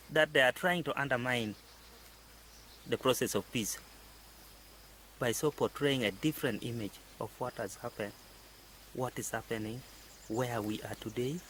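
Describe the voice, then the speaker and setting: A man's voice: medium pitch, a bit bright, slight background noise. A man giving an earnest interview answer, often stumbling and repeating words.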